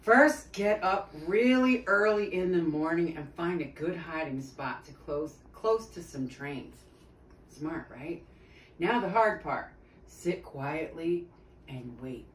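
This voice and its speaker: In a small tiled sitting room indoors at home, a middle-aged woman reads a children's story with expression, speaking directly to her young listeners and prompting them with chatty asides. Her voice sits low and she goes slowly. A phone camera several metres away gives a roomy, distant sound with background noise.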